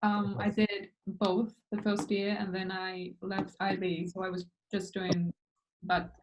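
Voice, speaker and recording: A woman's voice: medium pitch, completely flat delivery, measured pace. A young woman from Russia, a university student, introducing herself matter-of-factly on a video call. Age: young adult. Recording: dull lo-fi call audio with faint noise.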